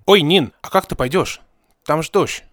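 A man voicing a determined, brisk young girl. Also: fairly high pitch, a bit bright, no echo, clean studio sound, pitched above the performer's own voice, natural voice. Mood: concerned. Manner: decisive.

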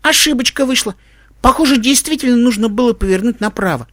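A man voicing a cheeky, mischievous young colt who squeaks excitedly. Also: fairly quick, no echo, clean studio sound.

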